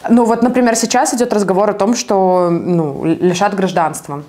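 A Belarusian woman, interviewed as an activist, answers conversationally and somewhat haltingly, thinking aloud as she goes. Her voice is mid-range, steady, and dark in tone.

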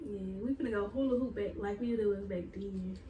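A woman's voice: medium pitch, fairly quick, narrow, tinny audio. A young American woman chatting casually in a vlog, blunt and slangy, recorded in a bedroom. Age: young adult. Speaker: vlogger. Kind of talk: casual chat, food tasting vlog. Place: small bedroom, seated at table. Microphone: camera a few feet away. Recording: roomy, distant mic, faint noise.

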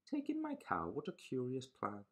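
A woman voicing a fussy, frantic little old lady who exclaims in a high, breathy voice. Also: huge pitch swings, normal speed, heavily acted. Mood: frantic pleading.

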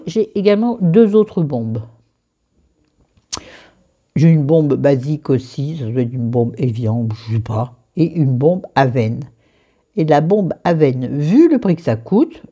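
A woman with a low, mellow voice runs through her skincare routine from her bedroom, her pitch swinging up and down as she talks. She rambles cheerfully, pokes fun at herself and throws in crude asides. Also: husky, dull audio. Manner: chatty, rambling, self-mocking, with crude asides. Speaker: beauty vlogger. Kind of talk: casual skincare vlog. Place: bedroom at home.

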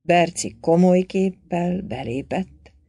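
A woman narrating an audiobook with animated, expressive storytelling. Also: fairly low pitch, creaky, husky, dry recording.

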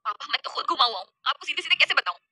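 A woman's voice: high voice, animated, rapid-fire, bright, forceful tone, no room sound, voice pushed up, heavily acted. A woman voicing an impulsive lovestruck young man who stammers and pleads. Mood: hesitant.

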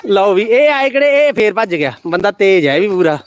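A woman's voice: medium pitch, big pitch swings, fairly quick, a little hiss or hum. A woman live-streaming outdoors on her phone, teasing children and calling out repeated commands at a village celebration. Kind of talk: casual live-stream commentary.

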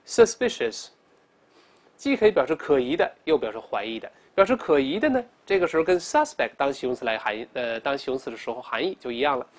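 Animated teacher teaching English words. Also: male voice, mid-range voice. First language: Chinese. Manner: animated, drills students to read aloud, slows down for English examples. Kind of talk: vocabulary lesson.

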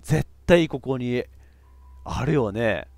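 Man, let's play commentary, very lively pitch, dry close sound, excitable. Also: slow pace, no room sound. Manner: excitable, reacts loudly with frequent laughs. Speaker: VTuber game streamer.

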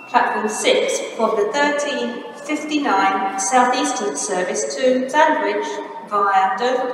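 Train station announcement, woman, slow and formal, slightly high voice, loudspeaker heard from far off in an echoing hall with noise. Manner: measured, even, formal delivery. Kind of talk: recorded departure announcement. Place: large railway station concourse. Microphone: station loudspeaker picked up from far off. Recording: echoey station hall, distant, noisy. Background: station ambience.

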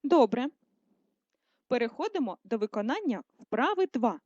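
A woman teacher giving a video lesson to first graders, speaking slowly and carefully and drawing out words to stress them. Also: a little high, sing-song, darkish tone, no room sound. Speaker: primary school teacher. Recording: dull lo-fi sound.

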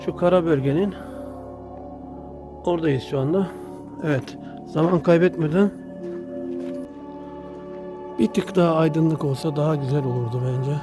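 A man's voice: a little high, normal speed, long pauses. A man from Turkey narrating a casual walking tour as a travel vlogger, addressing his viewers as friends. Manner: addresses viewers as friends while describing surroundings. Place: inside an underground salt cave. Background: music.

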